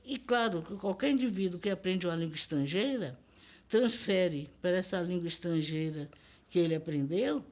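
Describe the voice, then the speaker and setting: A woman's voice: lowish voice, expressive, moderate pace, a little mellow. An older woman with a Bahian accent, speaking as a linguist in a documentary interview, lecturing emphatically and asking rhetorical questions.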